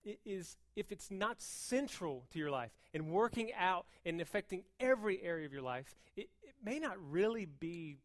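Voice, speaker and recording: Her fairly low voice is expressive as she rushes through an informal sermon. The American preacher speaks conversationally with strong emphasis, using repetition and rhetorical questions.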